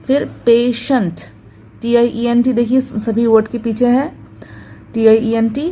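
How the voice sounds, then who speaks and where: A woman with a Hindi accent teaching English pronunciation in a video lesson, talking slowly and carefully, repeating words for drilling. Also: a little high, flat delivery, mellow, slight background noise, low-quality recording.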